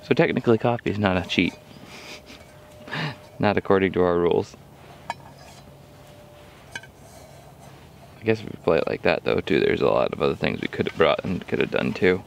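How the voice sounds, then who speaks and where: A bushcraft vlogger in his thirties narrates from a woodland camp, joking dryly and chuckling at himself. His deep voice has lively intonation, vocal fry, and normal speed, and he pauses often. The outdoor camera mic picks up a little hiss or hum.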